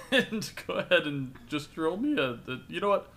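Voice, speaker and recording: A man's voice: a little high, very animated, a little slow, bright, forceful tone. A man narrating as game master, rambling with lots of ums and likes. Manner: rambling, many fillers.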